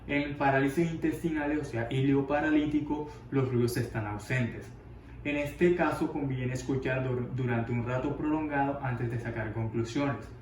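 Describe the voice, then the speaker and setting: A man's voice: medium pitch, darkish tone. Man explaining a medical exam, roomy distant sound. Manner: explanatory, with frequent fillers and restarts. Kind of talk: medical demonstration lesson. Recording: roomy, distant mic with faint noise.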